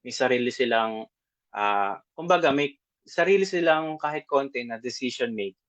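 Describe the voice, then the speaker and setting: A man preaches a brief, casual exhortation at a house church gathering. He asks his listeners again and again to agree and reads Bible verses aloud at a slower pace. His mid-pitched voice sounds close and dry, with no room echo. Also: lively intonation, a bit bright. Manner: polite, peppered with "di ba po" asides; switches between Tagalog and English. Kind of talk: short informal exhortation.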